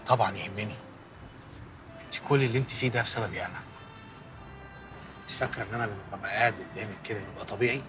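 A man's voice: on the low side, very fast, pauses often, close to an everyday voice. An actor playing an insecure man who confesses his feelings of inadequacy and vows never to leave a woman again, speaking intensely in Egyptian Arabic. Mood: earnest. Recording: distant voice under loud music.

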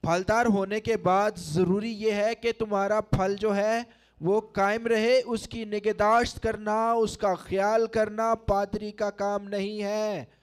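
A middle-aged Pakistani pastor with a Pakistani Urdu accent, preaching a sermon into a handheld mic in a large church hall, with emphatic calls to the congregation. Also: male voice, high voice, little pitch movement, takes it slowly, smooth. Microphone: handheld microphone.

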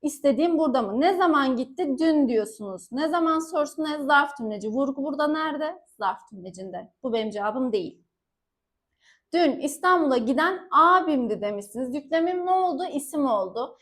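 A young woman with a high voice teaches an exam-prep lesson. She asks short questions and answers them herself in quick call-and-response. She stops often to warn her students directly and stresses the key words. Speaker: Turkish teacher.

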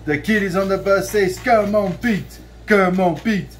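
Dad in his 30s singing a kids song slow and playful in a bedroom, camera a bit away, faint room hum. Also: sits high. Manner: playful, slow sing-song with drawn-out line endings. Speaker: father reading a song book to his child. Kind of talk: sung read-aloud of a children's song. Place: bedroom, lying on a bed. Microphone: camera a few feet away.

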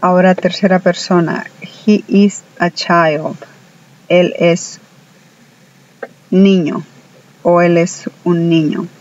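Slow, flat-voiced Spanish-speaking woman teacher. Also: lowish voice, dull audio. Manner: slow, deliberate, many hesitant "ah" fillers. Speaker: English teacher. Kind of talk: recorded online language lesson.

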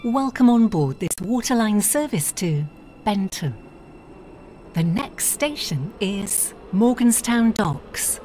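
A woman giving recorded onboard train announcements in a calm, measured, formal manner. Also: mid-range voice, a little hiss or hum.

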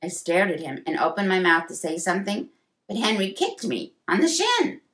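A woman, a children's librarian, reading a storybook aloud with expressive voices for the dialogue. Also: fairly low pitch, normal speed.

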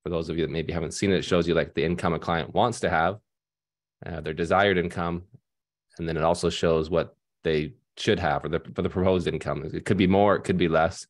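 A financial advisor in his thirties speaks on a video call panel from a room at home at night, using a headset. He talks casually with many fillers and restarts, his low voice brisk and fairly even in intonation.

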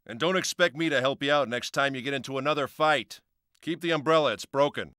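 A man's voice: mid-range voice, brisk, pushed and bright, no room sound, studio quality, natural voice. A man voicing a brusque, arrogant male sword master in an ad-libbed dub outtake. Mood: gruff. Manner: brusque, scolding.

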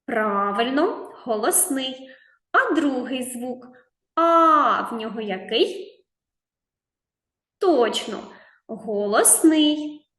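A woman teacher talking slowly and coaxingly to small children in a reading and writing lesson. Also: a little high, expressive, fairly bright tone, echoey room. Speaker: preschool teacher.

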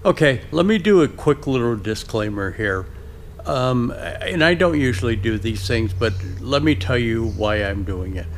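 A man in his fifties giving a casual workshop update from a large indoor garage, talking haltingly with many fillers and throat clearing. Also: mid-range voice, expressive, slight background noise. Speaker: restoration shop owner. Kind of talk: casual shop update vlog. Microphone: action camera on head or chest.

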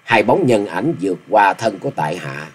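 A man's voice: lowish voice, sing-song, moderate pace, slightly rough. A man doing a proud young swordsman. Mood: earnest. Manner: formal, proud replies. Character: young male swordsman, polite but stubborn.

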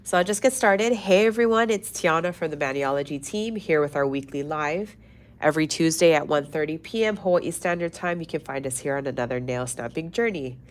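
Woman, young adult, low voice, stuffy congested nose, chatty livestream host, casual tutorial talk. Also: a little fast. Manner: chatty, friendly, many fillers and restarts. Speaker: host of a weekly nail art livestream.

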